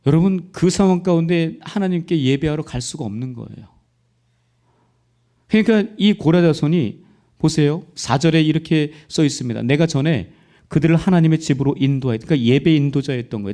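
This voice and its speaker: A male pastor preaching a sermon, with impassioned delivery that rises to near-shouting peaks and direct rhetorical questions to the congregation. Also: on the high side.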